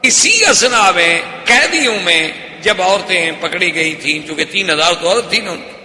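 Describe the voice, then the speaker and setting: A male lecturer delivers a storytelling sermon in a dramatic way, acting out the people in his tale. His voice is high and very bright. The sound rings with the long echo of a hall. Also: lively intonation. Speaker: religious lecturer. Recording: echoey hall.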